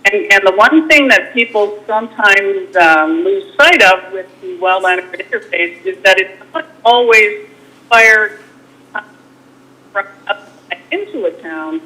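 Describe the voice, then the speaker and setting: A woman consultant giving a remote presentation in a halting way, her cell phone audio breaking up and cutting in and out. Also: medium pitch, lively intonation, bright, forceful tone. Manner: halting, many restarts and fillers. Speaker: wildfire consultant presenting to a council. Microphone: cell phone on a remote call. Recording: broken-up cell phone line.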